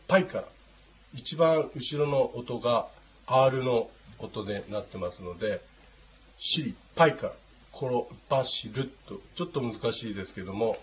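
A man teaching a language class, patient and unhurried, with many hesitating fillers. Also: medium pitch. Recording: dull lo-fi with faint noise.

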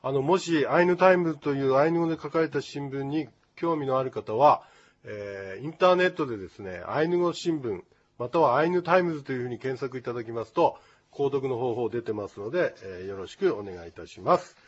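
Brisk polite male radio interviewer. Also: mid-range voice, animated, highs cut off. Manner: polite, formal phrasing.

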